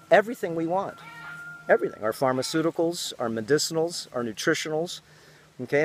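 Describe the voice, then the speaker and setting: A man's voice: medium pitch, slight background noise. A man in his fifties giving an outdoor lecture on a farm, often adding "okay?" after his points. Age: 50s.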